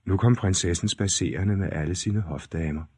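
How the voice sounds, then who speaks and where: A low, husky male voice reading a fairy tale, with a lively, wide-ranging delivery. The sound is dry and close, with no room echo. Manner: expressive, varied storytelling. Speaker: storyteller.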